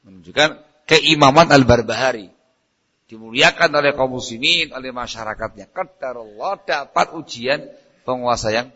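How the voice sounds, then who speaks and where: A male Islamic preacher giving a lecture in a mosque, telling stories in an animated way. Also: mid-range voice, husky. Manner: animated storyteller, acting out quotes. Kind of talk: lecture sermon with storytelling. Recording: dull lo-fi recording.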